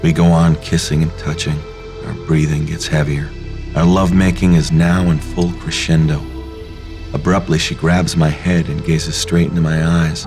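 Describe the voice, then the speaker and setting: Very deep-voiced man reading a story. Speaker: narrator. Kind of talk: first-person story reading. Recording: faint music behind.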